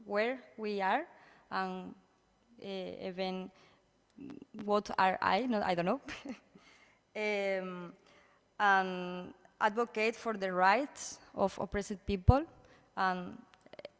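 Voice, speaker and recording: A woman with an Andalusian Spanish accent gives an informal conference talk in halting non-native English, searching for words. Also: medium pitch, smooth. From Andalusia, Spain. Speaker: university researcher speaking at a symposium. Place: conference room. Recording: echoey hall with long reverb.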